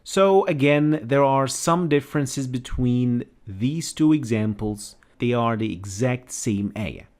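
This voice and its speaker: Male narrator, lively pitch, calm explainer read. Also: takes it slowly, few pauses.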